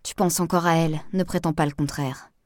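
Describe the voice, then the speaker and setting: Brief: woman narrator doing an intense, reproachful young woman in love, a touch higher and louder, dry close sound. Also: fairly even intonation, fairly quick, dry recording, lightly acted. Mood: pleading. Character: jealous young woman pleading with her lover.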